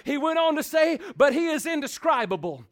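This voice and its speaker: Pastor, high voice, preaching in rhythmic repeats, gets loud then goes soft. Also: male voice, very animated, fairly quick. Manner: rhythmic repetition with call-and-response asides; swings from loud build-ups to quiet intimate talk. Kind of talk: sermon.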